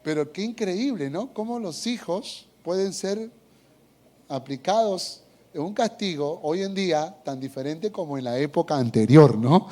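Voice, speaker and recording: A middle-aged man preaches a sermon, with a slightly high voice. He tells stories with animation, acting out voices. He throws questions to the congregation. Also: unhurried. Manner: animated storytelling, acts out voices, asks the congregation. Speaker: pastor.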